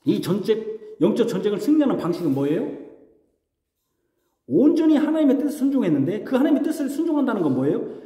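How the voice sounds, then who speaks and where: A male pastor preaches with a lively, swinging delivery, firing questions at his congregation and slipping into mocking voices. His tone is mellow and rather high for a man. The sound rings with the long reverb of a church hall. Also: fast. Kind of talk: sermon. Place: church sanctuary.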